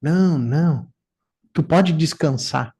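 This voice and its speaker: A man's voice: on the high side, slow, breathy edge. A man in his forties with a gaúcho accent from southern Brazil, telling personal stories in casual talk and acting out quotes. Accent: Gaúcho Portuguese. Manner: storytelling, animated, acts out quotes. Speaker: neuropsychoanalyst.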